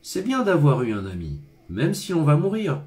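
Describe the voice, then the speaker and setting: A man voicing a curious, gentle little boy prince while reading a storybook aloud. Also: fairly high pitch, wildly swooping pitch, moderate pace, voice pushed up. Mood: wondering. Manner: wondering, questioning.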